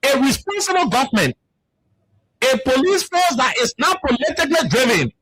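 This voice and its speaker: A man's voice: very high-pitched, big pitch swings, normal speed, pushed and bright, dry recording, low-quality recording. A man with a Liberian English accent, hosting a heated political panel talk and repeating words as he presses his points. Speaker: talk show host.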